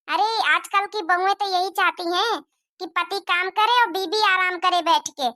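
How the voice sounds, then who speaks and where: A woman's voice: extremely high pitch, pushed and bright, no room sound, clean studio sound. A woman voicing a nagging cartoon mother-in-law. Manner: scolding, complaining at length. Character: nagging middle-aged mother-in-law, jealous of her son's wife. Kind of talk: Hindi cartoon moral-story voice acting.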